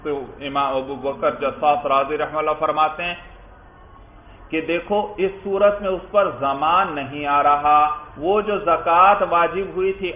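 A man teaching a class on Islamic law, putting questions to his students and answering them himself, repeating key terms. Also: on the high side. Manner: repeats key terms, calls listeners brother. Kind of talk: classroom lecture. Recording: echoey, tinny phone-like recording.

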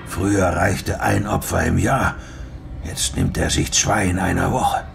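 Brief: male reader as a wild-eyed, threatening stranger, raspy and low, growling. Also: very animated, unhurried, exaggerated voice. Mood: shaken. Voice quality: scratchy, rough voice. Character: gaunt wild-eyed man, menacing, grim.

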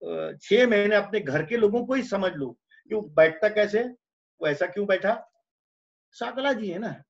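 A man's voice: high voice, animated, measured pace, creaky. A man with an Indian Hindi accent, a theatre director speaking in an online workshop conversation, blunt and emphatic in an earthy teaching manner. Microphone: video call. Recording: muffled video-call audio.

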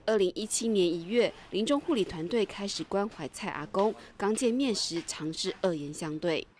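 A woman narrating a news report in a measured, scripted delivery. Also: medium pitch, noisy background. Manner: measured, even news reading.

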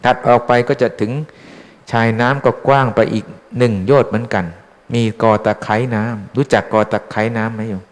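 A man's voice: medium pitch, steady tone, brisk. A Buddhist monk giving an informal, chatty dharma talk, teasing his listeners with questions. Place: temple hall. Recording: long hall reverb.

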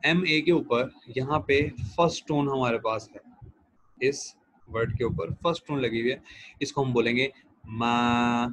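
A man giving a recorded lecture as a language teacher, explaining pronunciation step by step and repeating each sound slowly for students to copy. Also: mid-range voice, a bit bright, rough recording.

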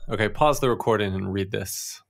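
A man's voice: lowish voice, moderate pace, a bit bright. A man giving a casual, playful video lesson as a test prep instructor, acting out his own thoughts while reading.

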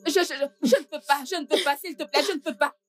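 A woman's voice: high-pitched, fast talker, fairly bright tone, faint music behind. A woman voicing a frantic, pleading peacemaker. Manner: begging, frantic pleas. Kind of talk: dubbed film acting.

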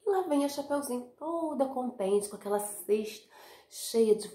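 Expressive woman teacher telling a story. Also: high voice, normal speed. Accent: Brazilian Portuguese. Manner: expressive, asks children questions, dramatic whispers. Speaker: preschool teacher. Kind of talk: storytelling for young children. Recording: echoey room.

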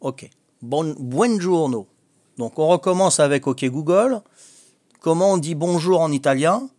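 A man's voice: a little high, animated, normal speed, darkish tone, no room sound, clean studio sound. Hesitant older Corsican man. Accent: Corsican French. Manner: hesitant, many fillers and restarts, joking. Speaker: vlogger learning a language. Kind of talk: casual home video lesson.

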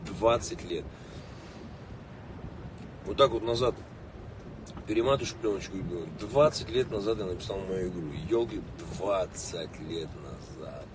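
Man in his late thirties, casual livestream chat, low voice, phone held away, traffic noise behind. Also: measured pace, long pauses. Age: late 30s. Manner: relaxed, chatty, greets viewers by name. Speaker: musician livestreaming to fans. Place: inside a car in city traffic. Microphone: phone held or mounted at arm's length. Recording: distant phone mic with street noise.

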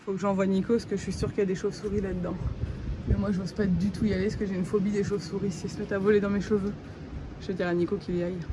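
A woman's voice: medium pitch, level tone, very fast. A woman, chatting casually to her vlog on a handheld phone. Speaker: travel vlogger. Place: outdoors on beaches, in a moving car. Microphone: phone at arm's length. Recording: noisy handheld phone, muffled, wind and car.

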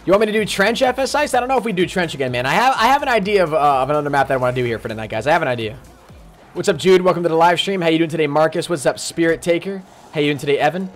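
Excitable man live-streaming a game. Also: on the high side, very fast, faint music behind. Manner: chatty, greets viewers by name, excitable outbursts. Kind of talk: live gaming stream commentary.

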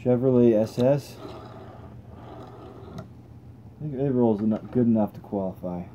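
This young man's mid-range voice moves at a slightly slow pace as he tries out toy cars on an indoor table for his channel. Relaxed and rambling, he works through his thoughts aloud, with a little hiss or hum in the background.

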